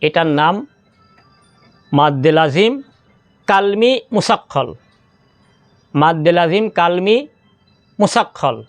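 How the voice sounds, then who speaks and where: Man, Quran reading teacher, slow syllable drills, smooth voice, dry close sound. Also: a little high, animated, no room sound, soft background music. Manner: slow, step-by-step spelling drills, stretching recited words. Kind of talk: spelling out Arabic syllables and explaining recitation rules.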